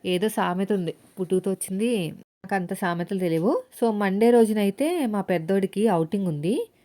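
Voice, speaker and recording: Her voice is medium-pitched and dark in tone, with lively intonation and a moderate pace. A housewife vlogger, she cooks at home while chatting to her audience and sharing little anecdotes.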